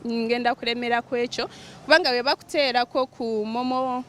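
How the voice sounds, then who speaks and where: A woman's voice: on the high side, fairly even intonation, fairly quick, a bit bright. A woman, a market vendor, giving short, simple answers in an interview. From western Uganda. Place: community market. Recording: faint market background noise.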